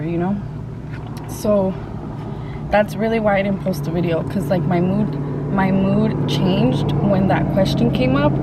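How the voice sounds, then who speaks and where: A woman chatting casually and haltingly to viewers in slangy, informal speech while eating, sometimes with her mouth full. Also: mid-range voice. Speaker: mukbang vlogger. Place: open-top Jeep outdoors. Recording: clear car and outdoor ambient noise.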